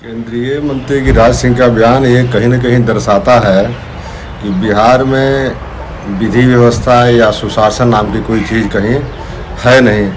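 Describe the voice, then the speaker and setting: A man's voice: mid-range voice, fairly even intonation, moderate pace. A male opposition politician giving a critical statement. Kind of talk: news statement. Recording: background noise.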